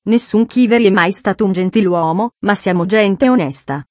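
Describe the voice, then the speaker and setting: In a storybook reading, a woman gives voice to a shy, gentle young suitor who talks with earnest, formal politeness. The delivery stays close and dry, with no room sound around it. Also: medium pitch, normal speed, no room sound, natural voice. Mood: earnest pleading.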